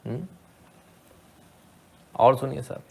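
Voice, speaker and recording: A man with a gravelly, fry-edged voice at a middle pitch delivers opinionated commentary on video clips. He talks sarcastically and rhetorically, turning to the listener with questions. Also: slow. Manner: sarcastic, rhetorical, asks "hmm?" to the viewer. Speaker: commentator reacting to debate clips.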